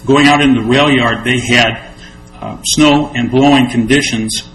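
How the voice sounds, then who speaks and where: An American man speaking as an attorney, giving a formal oral argument in a measured, explanatory way. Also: medium pitch, fairly even intonation, a bit bright, faint music behind, low-quality recording.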